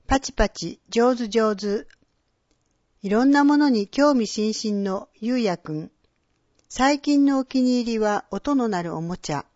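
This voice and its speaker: Woman announcer, scripted community bulletin, measured and clear, dry dull sound. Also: mid-range voice, darkish tone, dry recording. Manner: clear, measured reading of names and dates. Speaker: municipal announcer. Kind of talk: scripted public-service announcement.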